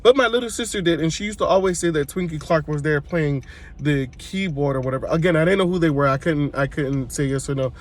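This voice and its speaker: A man from Brooklyn, a church worship singer telling personal stories in a chatty way. He is congested, often corrects himself and speaks straight to his viewers. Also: fairly high pitch. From Brooklyn, New York. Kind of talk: casual personal storytelling to camera.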